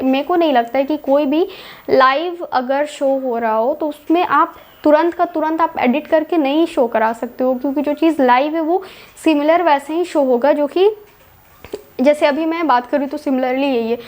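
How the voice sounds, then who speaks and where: High-voiced young woman telling a story. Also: darkish tone. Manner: chatty, mixes in English words, repeats herself. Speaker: vlogger. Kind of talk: casual storytelling vlog.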